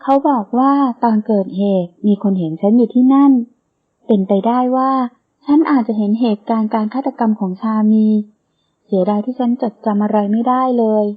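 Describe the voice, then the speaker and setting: A woman's voice: a little high, normal speed, close to an everyday voice. A woman reading the part of a young heroine who has lost her memory in an audiobook novel, earnest and questioning. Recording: tinny phone-like sound.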